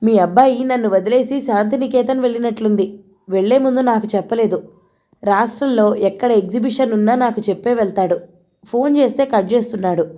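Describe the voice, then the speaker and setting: A woman's voice: fairly high pitch, brisk, warm tone, natural voice. A woman narrator voicing a distressed young wife who pleads and complains in a raised voice. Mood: upset.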